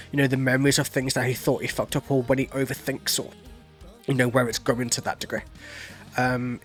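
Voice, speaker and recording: A man's voice: mid-range voice, a bit bright. Casual swearing man reacting to music. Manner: loose and profane, full of "like" and "you know". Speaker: music reaction channel host. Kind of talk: casual reaction commentary, explaining lyrics.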